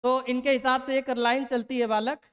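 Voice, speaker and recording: Teaching chemistry in Hindi, this man has an extremely high, level voice that is fairly bright, clear and resonant. His casual classroom style is folksy coaching: he addresses students as "बालक" and stretches out important terms, dictating them one word at a time.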